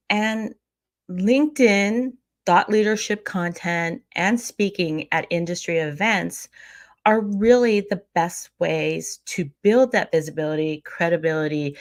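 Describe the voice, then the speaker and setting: An upbeat woman from Pennsylvania, USA, who works as a thought leadership coach, is a guest in a conversational interview, repeating words often as she speaks. The studio-quality recording of her lowish voice has no echo.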